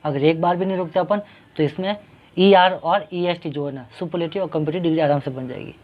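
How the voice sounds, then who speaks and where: A man's voice: on the high side, fairly quick. A man teaching an English grammar lesson. He explains patiently, repeating each point and asking questions that he then answers himself. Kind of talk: classroom-style grammar lesson. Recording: dull lo-fi recording.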